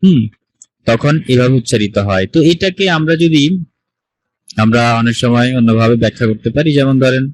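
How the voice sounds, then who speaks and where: A man's voice: mid-range voice, brisk, a little mellow, dry recording, low-quality recording. A man teaching an online language class, explaining patiently step by step and putting questions to his students over a video call. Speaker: Sanskrit teacher. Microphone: computer mic on a video call.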